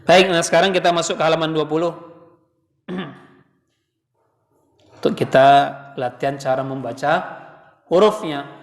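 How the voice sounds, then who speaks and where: Man, Indonesian accent, Quran teacher, slow speech, echoey room with long reverb. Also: fairly high pitch, steady tone. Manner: chants and demonstrates letter sounds. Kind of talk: teaching class, call and response.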